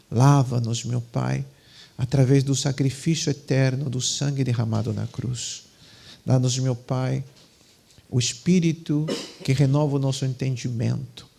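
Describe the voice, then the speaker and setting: A man's voice: mid-range voice, creaky, breathy edge, rough recording. A man from Peru with a Peruvian Spanish accent, a pastor speaking Portuguese, chatting with his congregation and then praying fervently. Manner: casual chatty introduction, then fervent loud prayer. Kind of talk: sermon and prayer. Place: church.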